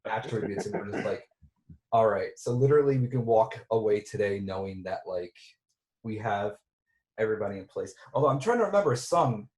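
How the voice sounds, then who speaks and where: A man's voice: lowish voice, lively intonation, fairly quick, a little mellow. A man reminiscing about casting in a casual reunion chat, rambling with many restarts and fillers. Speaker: director and writer. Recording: roomy echo.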